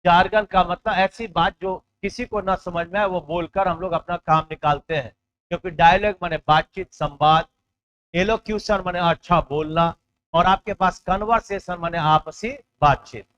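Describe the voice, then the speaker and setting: A man teaching English vocabulary for exam prep. He explains in Hindi, reads English words out slowly and keeps checking in with his students. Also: high voice, steady tone, a bit bright, lo-fi sound.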